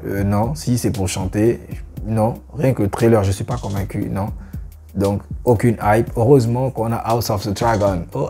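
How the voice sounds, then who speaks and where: Gravelly low-voiced man chatting casually. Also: mellow. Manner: conversational, addresses viewers directly, many fillers. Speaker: YouTube reaction channel host. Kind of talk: casual opinion monologue.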